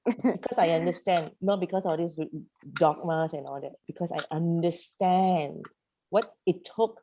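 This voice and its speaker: Woman, youth program facilitator, warm low-ish tone, keeps asking rhetorical questions, heard over a call. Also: measured pace, slight background noise. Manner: emphatic, full of rhetorical questions. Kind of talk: animated group coaching.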